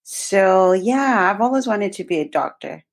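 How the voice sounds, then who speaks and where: A woman's voice: mid-range voice, animated, a little slow, gravelly. A woman from Zimbabwe, a guest telling her life story in an interview, earnest and reflective with some fillers.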